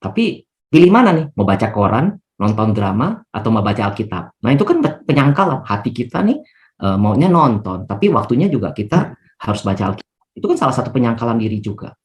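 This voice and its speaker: Guy leading a zoom bible study, easygoing, medium pitch, lots of everyday examples. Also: fast talker. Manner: relaxed, explains with everyday examples, frequent "ya". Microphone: video call.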